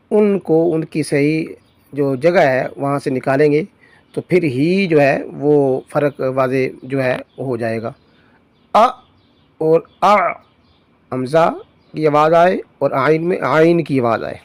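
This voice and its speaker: A man teaching Quran reading. He drills syllables in a slow chant, then explains quickly in a lower voice. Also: a little mellow, no room sound.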